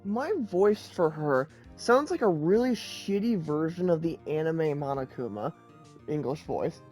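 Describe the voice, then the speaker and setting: A man's voice: a little high, animated, unhurried, darkish tone, soft background music. A young man doing casual, crude, joking gameplay commentary as a let's play host.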